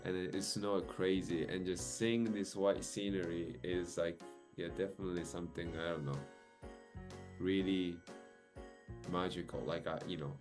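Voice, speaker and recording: Deep-voiced man interviewing, lots of fillers. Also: fairly even intonation, moderate pace, music in the background. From Japan. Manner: rambling, many fillers and restarts. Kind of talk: casual video-call interview.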